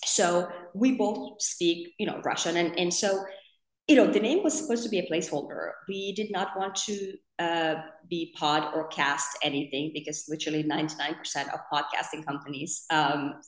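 Rambling woman from Finland, low voice. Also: moderate pace. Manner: chatty, rambling, full of "you know" fillers. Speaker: podcast company co-founder, guest. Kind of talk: casual interview talk. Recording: roomy echo.

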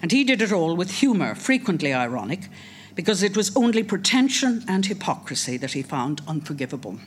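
Speaking about a writer, an Irish speaker reads a prepared talk aloud in a mid-range, sing-song voice at a fairly quick pace. The delivery is wry and emphatic with ironic asides, and there's a little hiss or hum in the recording.

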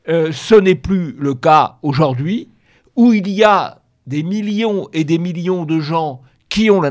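A middle-aged man, an author interviewed on the radio, explaining his views in a measured, emphatic way and repeating key phrases. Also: a little high. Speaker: author guest.

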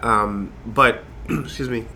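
A man's voice: mid-range voice, takes it slowly, gravelly, bright, forceful tone, slight background noise. A young man from Haiti, a design lecturer, talking as a guest in a casual interview, rambling with many fillers and restarts.

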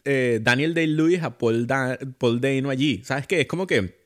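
A man's voice: medium pitch, moderate pace, a bit bright. A man talking casually about a film, rambling with many restarts and fillers.

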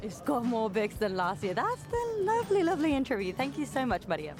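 A woman's voice: a little high, wildly swooping pitch, a little fast, music in the background. A woman working as a roving reporter, interviewing visitors at a book fair in an upbeat, chatty way, laughing easily. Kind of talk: vox-pop interviews.

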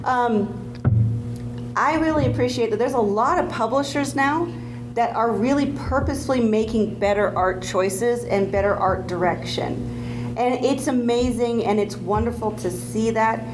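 Woman, high-pitched projected theater voice, chatty panelist, anecdotal, music in the background. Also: measured pace, low-quality recording. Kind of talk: casual panel discussion.

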